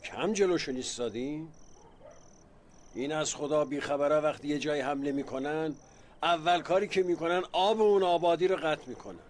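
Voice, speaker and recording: A man's voice: fairly high pitch, a little hiss or hum, lightly acted. A man playing a grave old village father. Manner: solemn, speaks in proverbs. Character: grave older village father, weary, secretive. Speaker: village elder and retired folk singer. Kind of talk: radio drama acting.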